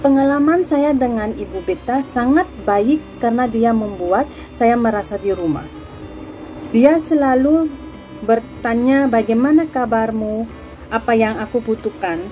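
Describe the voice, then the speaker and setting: A young woman speaks as a foreigner who learned Indonesian, mixing it with English. Her voice is fairly high yet mellow, in a personal testimonial with faint music behind her. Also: unhurried. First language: not Indonesian; Dutch and Javanese speaker. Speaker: former language student.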